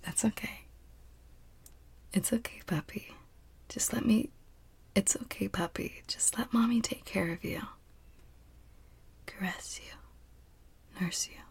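A woman performs a whispered role-play as a doting, teasing adult partner. Her voice is very breathy and husky, with a gravelly creak. She speaks slowly in a soothing, intimate, cooing manner. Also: mid-range voice, darkish tone, no room sound.

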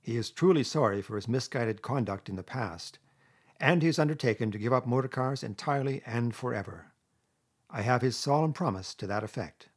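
A man's voice: medium pitch, animated, a little fast, husky. A man voicing a stern, fatherly badger in a storybook, speaking in a solemn, firm, oratorical manner. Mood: kindly, solemn. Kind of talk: storybook character reading.

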